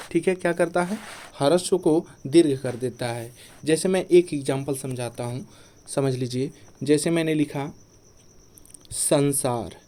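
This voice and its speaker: Man drilling grammar in a mellow voice. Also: a little high. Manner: repeats each point as a quiz question, then answers it. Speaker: Hindi teacher. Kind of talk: exam-prep grammar lesson.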